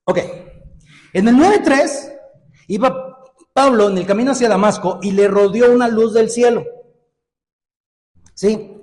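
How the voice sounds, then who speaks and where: A man preaching a sermon as pastor, with a Mexican Spanish accent, joking and lively, moving between loud exhortation and low asides. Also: a little slow, pauses often, in a large hall. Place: church hall.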